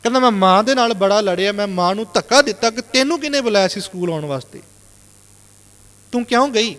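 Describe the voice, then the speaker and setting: A man's voice: high-pitched, animated, fast, fairly bright tone, long reverb tail. A male Sikh preacher from Punjab telling a moral story in a sermon, constantly retelling what others said. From Punjab, India. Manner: retells reported speech with constant "he said" tags.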